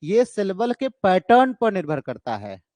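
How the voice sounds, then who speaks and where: High-voiced Indian man teaching in a dry room. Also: wildly swooping pitch, a little mellow, dry recording. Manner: explains step by step, asks and answers his own questions; slows down to read English terms. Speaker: English literature teacher. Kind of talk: exam-prep lecture.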